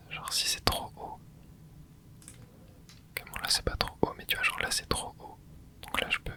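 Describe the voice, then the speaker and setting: Here an ASMR gaming host plays a video game and whispers to himself. The commentary is soft, casual, and full of gamer slang.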